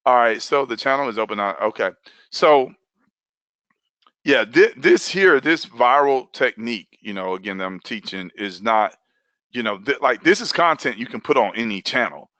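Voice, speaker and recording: A man leads a live online training on video content, with a bright, forceful voice that stays animated. He repeats his key points over and over, close to the mic in a dry room. The sound is a bit dull and lo-fi. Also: medium pitch, normal speed, dry recording. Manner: animated, repeats phrases for emphasis.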